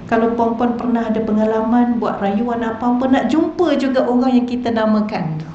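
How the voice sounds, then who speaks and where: A woman's voice: fairly high pitch, normal speed, dark tone, slight background noise. Malaysian woman lecturing in an echoey hall. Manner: asks the audience rhetorical questions. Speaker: religious teacher. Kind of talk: religious lecture. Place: mosque hall. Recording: echoey hall, dull lo-fi sound.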